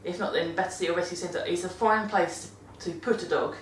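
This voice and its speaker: A woman's voice: lowish voice, fairly even intonation, a little fast, a little hiss or hum. A British woman talking casually about caring for dogs, chatty and rambling, often correcting herself mid-sentence. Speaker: vlogger giving dog-care tips. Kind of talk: casual monthly vlog talk. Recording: roomy sound from a distant mic.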